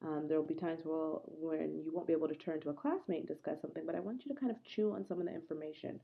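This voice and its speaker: A woman's voice: deep voice, gravelly. Woman lecturing from the bottom of a well. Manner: conversational and earnest, often pausing to ask the class questions. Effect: hollow, muffled sound as if at the bottom of a well. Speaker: instructor. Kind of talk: recorded online lecture. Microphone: laptop microphone. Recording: muffled lo-fi laptop recording.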